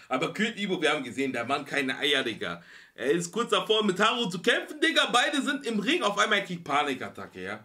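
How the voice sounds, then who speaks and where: Male reaction host, bright and very animated, casual slangy exclamatory delivery. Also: on the high side. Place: small room indoors.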